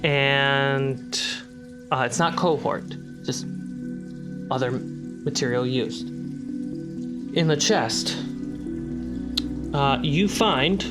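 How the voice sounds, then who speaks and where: Running the tabletop game, this game master speaks extremely slowly in a mid-range voice and pauses often as he narrates and responds to players. Rain and atmospheric music fill the background.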